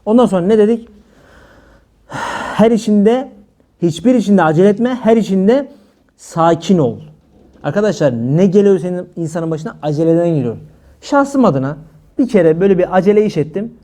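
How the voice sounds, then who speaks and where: A male preacher giving a religious talk, his voice sitting high yet sounding warm and mellow. He teases his listeners with jokes between the teachings. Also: expressive, normal speed, pauses often. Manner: humorous, teasing the audience between teachings. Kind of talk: religious talk to a live audience.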